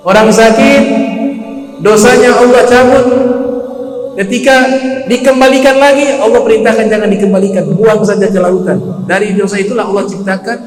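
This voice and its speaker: A man's voice: high-pitched, echoey room, in a large hall. A man preaching a sermon, telling a religious story, chanting Arabic phrases and raising his voice in the emotional parts.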